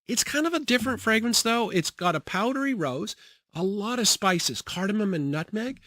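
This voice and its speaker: A man's voice: high voice, normal speed, no echo. Chatty man reviewing colognes, dry sound. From grew up partly in the Bahamas and Jamaica. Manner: relaxed, chatty, laughs often, many fillers. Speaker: fragrance reviewer. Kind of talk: casual product review.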